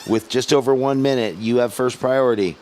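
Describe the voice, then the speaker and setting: A man's voice: mid-range voice, fairly quick, a little mellow. A man giving live surf contest commentary in a laid-back, casual surfer manner.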